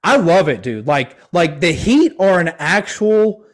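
A young adult man chats casually as podcast host, his voice sitting a little higher than most men's. He rambles, restarts and leans on filler words and slang in easy conversational sports talk. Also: sing-song, measured pace.

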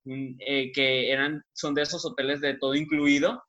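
A man's voice: medium pitch, flat delivery, normal speed, bright, forceful tone, highs cut off. A man, a stylist and comedian, chatting expressively as a guest in an interview. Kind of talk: casual interview chat.

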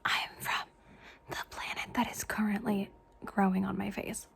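A woman's voice: mid-range voice, little pitch movement, moderate pace, vocal fry, a bit bright. A woman voicing a playful, curious alien visitor in an ASMR roleplay, whispering and repeating trigger words over and over. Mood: whispery playful.

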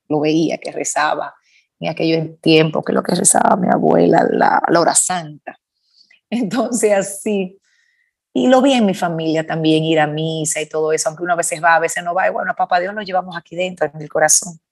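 A woman's voice: on the low side, darkish tone, slightly rough. A middle-aged woman co-hosting a podcast, telling a heartfelt, rambling personal story of faith from her bedroom at home and correcting herself as she goes. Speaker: podcast co-host. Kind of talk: casual faith testimony.

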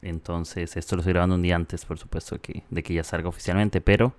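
A Costa Rican man in his thirties hosting his own podcast, talking in a relaxed, chatty way with frequent "eh" fillers. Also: deep voice, fast. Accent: Costa Rican Spanish. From Costa Rica. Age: 30s. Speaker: podcast host. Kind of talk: casual reflective podcast monologue.

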